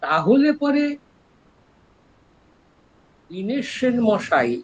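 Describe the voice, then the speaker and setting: An older man from East Bengal with an East Bengali accent, a retired professor giving a scholarly lecture and explaining word origins slowly, step by step. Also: sits high, lo-fi sound. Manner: explains slowly and step by step, lively rises and drops in voice.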